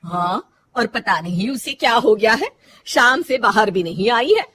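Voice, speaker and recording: A woman's voice: a little high, lively intonation, measured pace, fairly bright tone, slight background noise. Woman voicing a fussing cartoon mother-in-law. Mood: worried. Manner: fussing, affectionate.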